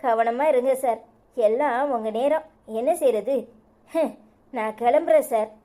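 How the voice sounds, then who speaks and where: A woman's voice: fairly high pitch, unhurried, warm tone, lightly acted. A woman voicing a sulky, self-pitying young office worker in a cartoon, with a Tirunelveli Tamil accent and a plaintive way of talking.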